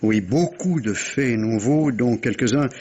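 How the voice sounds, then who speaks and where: A male actor, heard in a dull vintage radio recording, takes the role of a police inspector in a 1950s-style French radio mystery: polite, hesitant, persistent, veiled of voice. His medium-pitched voice is warm, husky and unhurried. He comes across as courteous and flustered, apologetic and hesitant, with repeated words.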